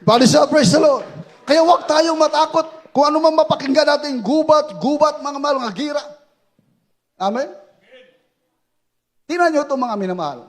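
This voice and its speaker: A man with a Filipino accent preaching a testimony sermon, moving from quiet prayerful retelling to shouted praise. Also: extremely high pitch, normal speed, long pauses. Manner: swings from hushed prayerful retelling to shouted exclamations. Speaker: preacher giving a soldier's testimony.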